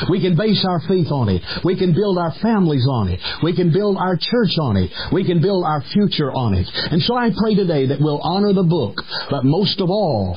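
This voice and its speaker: A man preaching at a pulpit microphone in a fairly high voice, driving his points home in emphatic, repeated phrases. The sound is dull and lo-fi, like an old radio broadcast. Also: husky. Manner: emphatic, repetitive preaching cadence. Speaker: pastor. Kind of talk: sermon.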